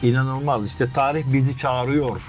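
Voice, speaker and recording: Deep in the stone passages beneath an old city, a history vlog host and guide narrates an on-location tour dramatically, addressing viewers and crew directly as his voice echoes through the chamber. His medium-pitched voice is a little mellow, fairly even in intonation, and moderately paced, with faint music behind.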